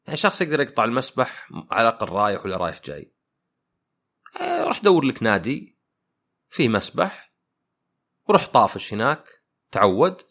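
A man's voice: medium pitch, sing-song, brisk, pauses often, fairly bright tone. A man hosting a podcast, thinking aloud in a casual reflective monologue full of fillers and rhetorical questions. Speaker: podcast host.

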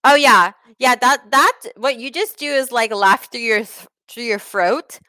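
Woman playing a bright, broken-English self-care guru. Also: fairly high pitch, dry recording. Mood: deadpan advice. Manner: broken grammar, halting repeated restarts. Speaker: comic advice giver. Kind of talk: improvised comedy bit.

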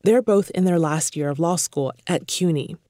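A woman reporter giving measured, scripted news narration and asking interview questions. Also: sits low, dark tone, no echo, clean studio sound.

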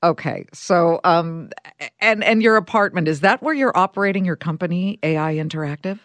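A woman's voice: fairly low pitch, expressive, moderate pace, a bit bright, no room sound. A woman hosting a podcast, interviewing guests with enthusiasm. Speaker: podcast host.

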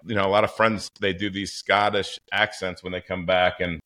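Podcast host guy, low bright voice, just chatting loosely with his guest, jokes about himself. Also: level tone, normal speed. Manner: chatty, rambling, self-deprecating. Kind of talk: casual interview chat.

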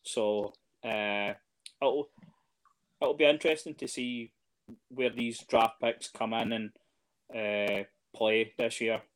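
A man's voice: mid-range voice, steady tone, takes it slowly, pauses often. A man in casual chat as a guest, hesitant and full of fillers and restarts. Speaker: podcast guest, fan.

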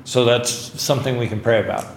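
A man's voice: medium pitch, steady tone, brisk. A man interviewing someone on location, asking questions in a conversational way. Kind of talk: on-the-road interview. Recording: roomy location sound, faint noise.

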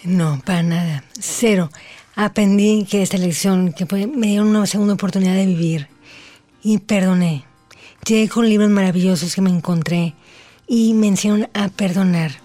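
Woman in her 40s, Mexican Spanish accent, slow careful delivery, unusual articulation, interview guest. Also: mid-range voice, warm tone, soft background music. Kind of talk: personal storytelling in an interview.

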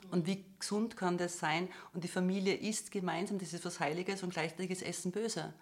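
A woman with a fairly low voice speaks as an expert guest in an interview. She explains earnestly and emphatically, building her points with everyday examples. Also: steady tone, a little fast. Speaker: psychotherapist or psychiatrist guest.

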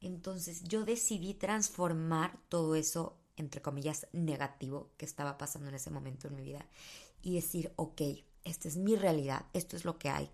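A young woman in her twenties hosts a podcast, delivering a casual personal monologue. She's candid and thinks aloud with fillers, in a low, gravelly voice with a darkish tone.

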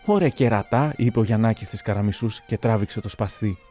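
A man narrating historical anecdotes aloud in a measured, storytelling manner. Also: lowish voice, level tone, warm tone, faint music behind.

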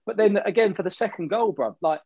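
A man co-hosts a casual football podcast, rattling along quickly and animatedly with casual slang. His voice is a little higher than most men's, recorded dry with a dull, lo-fi tone. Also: breathy edge, no echo. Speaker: podcast co-host.

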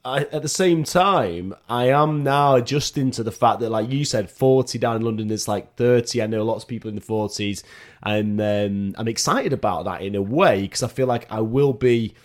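A man's voice: mid-range voice, moderate pace. A man in his late thirties chatting casually and reflectively, playfully acting out his own past reactions. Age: 30s. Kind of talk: casual podcast chat.

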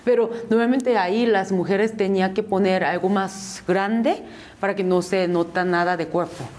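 Korean woman speaking halting Spanish. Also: mid-range voice, steady tone, noisy background. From South Korea. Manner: halting Spanish with restarts and repeated words. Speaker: interview guest. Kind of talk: casual interview.

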